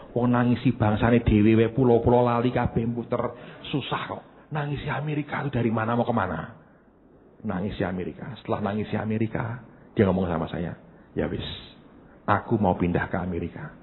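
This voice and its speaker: A man's voice: lowish voice, brisk. A middle-aged man with a Javanese accent preaching a sermon as a pastor, telling stories with emphatic asides to his congregation. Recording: echoey hall, narrow phone-like sound, faint hiss.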